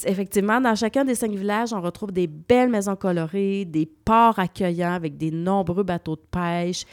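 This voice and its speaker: A woman's voice: mid-range voice, normal speed, no room sound, clean studio sound. A woman with a Québécois accent presenting a travel column on the radio, explaining destinations and spelling out names. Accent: Québécois French.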